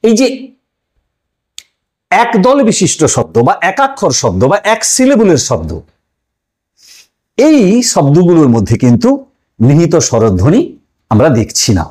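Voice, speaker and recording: Animated high-voiced male teacher. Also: a little slow, pauses often. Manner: asks questions then answers them, stressing key words; addresses viewers as friends. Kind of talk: explanatory language lesson.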